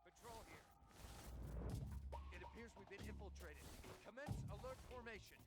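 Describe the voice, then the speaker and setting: An actor playing an enemy patrol soldier reporting over a crackly field radio in a clipped military manner. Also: male voice, high voice, expressive, normal speed, over loud music. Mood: urgent.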